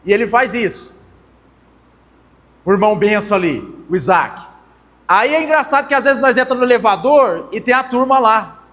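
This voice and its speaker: In a church hall with long reverb, a young pastor with a Brazilian Portuguese accent delivers a conversational sermon, addressing listeners as brothers. His high-pitched, fairly bright voice is animated, moving at normal speed with frequent pauses.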